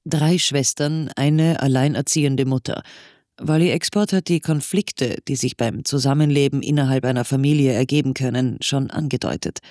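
A man narrating and asking questions in a measured, scripted documentary style. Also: mid-range voice, darkish tone, no room sound, studio quality. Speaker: narrator and interviewer.

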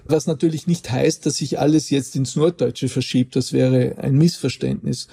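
A man with a gravelly, husky voice speaks slowly as he explains speech habits in an interview. His tone is dark and mellow, and he works through his spoken examples with care. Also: a little high. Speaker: linguistics researcher. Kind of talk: interview answers.

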